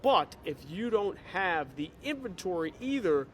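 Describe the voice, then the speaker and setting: Man, Chicago accent, somewhat high voice, energetic and chatty, casual video update, airport terminal. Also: measured pace, a little hiss or hum. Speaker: digital marketing consultant for auto dealers.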